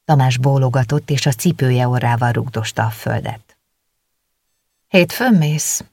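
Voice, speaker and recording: Gravelly audiobook narrator. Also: mid-range voice, fairly even intonation, darkish tone, no room sound. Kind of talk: scripted narration. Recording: dry close recording.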